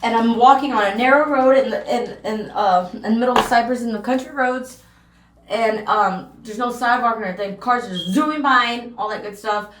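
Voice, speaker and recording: A woman's voice: fairly high pitch, brisk, fairly bright tone, echoey room. A woman vlogger telling a personal story to the camera in a rambling, emotional way.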